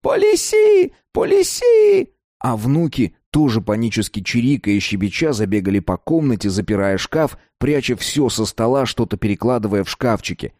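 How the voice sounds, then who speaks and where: A man's voice: lowish voice, a little fast, few pauses, dry recording, clean studio sound. A man narrating a novel and voicing all its characters. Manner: expressive reading, voices all characters. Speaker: audiobook narrator. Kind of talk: scripted narration.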